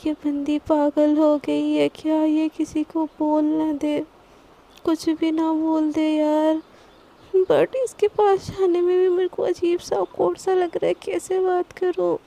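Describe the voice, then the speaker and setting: A woman's voice: high-pitched, little pitch movement, slow, vocal fry, dark tone, heavily acted. A woman voicing a panicky young office worker who stammers and repeats her words. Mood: flustered.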